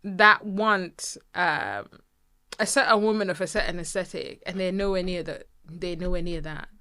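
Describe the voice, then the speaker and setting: A woman's voice: lowish voice, moderate pace, sharp tone. A woman co-hosting a podcast in casual chat, reflective and often trailing off with repeated words. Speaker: podcast co-host.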